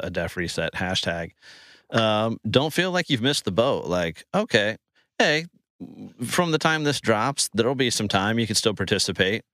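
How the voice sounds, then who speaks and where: A man's voice: on the low side, a bit bright, no echo, clean studio sound. A man hosting a podcast, recorded inside a closet, chatting casually and repeating words as he thinks. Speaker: podcast host.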